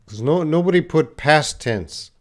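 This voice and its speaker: A man teaches English in a live online lesson, patiently reading out viewers' answers and correcting them with repeated example phrases. His voice is a little high, with lively intonation and a measured pace.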